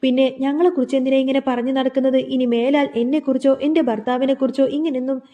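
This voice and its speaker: A woman's voice: high-pitched, level tone, fast, muffled recording, natural voice. A woman reading out the lines of a scheming young wife from a television serial in her own plain voice, reproachful.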